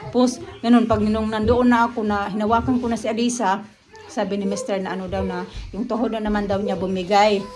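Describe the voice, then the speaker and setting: Her voice is mid-range and a little mellow, her delivery flat and fairly quick. She's a family vlogger from the Philippines, telling a story conversationally and turning often to talk to viewers directly.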